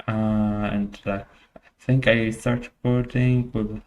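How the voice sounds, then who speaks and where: A man's voice: fairly low pitch, little pitch movement, takes it slowly, darkish tone. A young man from Syria, a guest in an interview, speaking hesitantly with many fillers and restarts. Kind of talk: casual interview.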